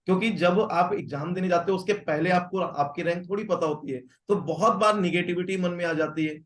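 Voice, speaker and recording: A man's voice: sits high, brisk, low-quality recording. A man, an educator interviewing a student with long, careful questions.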